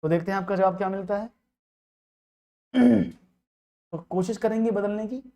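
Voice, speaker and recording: A man's voice: high voice, moderate pace, mellow. A man giving an online maths lecture for exam prep. He works through problems step by step, drops English phrases into his speech, and keeps checking that his students are following. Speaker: maths teacher.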